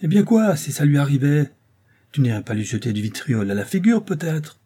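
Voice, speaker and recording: Sharp-tongued older townswoman, shrill and scornful, husky underneath; a male reader doing her. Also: very animated, a little fast. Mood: exasperated. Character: peevish middle-aged provincial woman, sharp-tongued.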